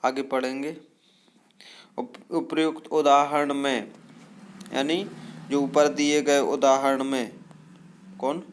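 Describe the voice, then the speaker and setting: Reading from a text, a man teaches a grammar lesson, explaining slowly, repeating phrases and checking that his students follow. His voice is mid-range and level in tone.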